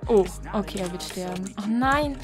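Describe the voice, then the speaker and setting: A woman hosting a casual game let's play over voice chat, excitable and teasing, laughing often. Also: medium pitch, normal speed. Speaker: gaming channel host. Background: background music.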